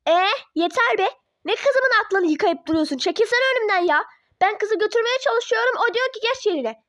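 A woman's voice: very high-pitched, brisk, no echo, voice pushed up. A woman voicing a rude, blustering father who snaps at a teacher in a toy-app role-play drama. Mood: angry. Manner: gruff, shouting at others.

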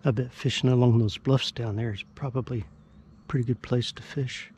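Gravelly, easygoing man fishing by a river. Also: mid-range voice, fairly even intonation, moderate pace, a little mellow, a little hiss or hum. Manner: chatty, easygoing, explains as he goes. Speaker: fishing vlogger. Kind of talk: casual narration while fishing. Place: outdoors on a riverbank at dawn. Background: faint birds and outdoor ambience.

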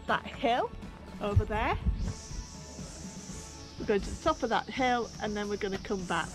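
A woman's voice: medium pitch, rough recording. A woman outdoors on a village street, casually listing the day's hiking plan step by step. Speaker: hiking companion explaining the route. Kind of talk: casual chat.

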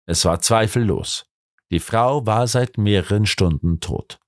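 A man narrating a detective audiobook in an expressive storytelling manner. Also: on the low side, a little slow, dry recording, clean studio sound. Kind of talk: scripted narration.

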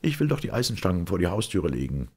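A man with a husky voice reading an excited old bookkeeper in a detective audiobook, in a raised voice. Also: low voice, pitched above the performer's own voice, exaggerated voice. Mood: alarmed. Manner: excited, hurried. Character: old male bookkeeper, nervous and fussy.

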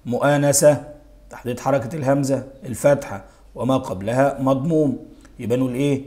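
A man's voice: mid-range voice, fast talker, dark tone. A man with an Egyptian Arabic accent teaching a primary school grammar lesson. He asks rhetorical questions and answers them himself, and he repeats key words for emphasis.

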